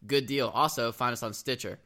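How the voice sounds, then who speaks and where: Young male podcast co-host, playful and slangy, relaxed banter. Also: medium pitch, brisk. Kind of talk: casual chat.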